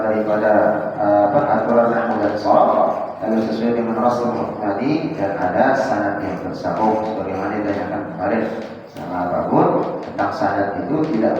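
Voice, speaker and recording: A man teaching Quran recitation rules in a prayer room, explaining reading mistakes and slowly chanting Arabic examples, and pausing on fillers while he thinks. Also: lowish voice, darkish tone, slight background noise. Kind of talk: tajwid lesson to a congregation. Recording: distant, dull and echoey in a hall.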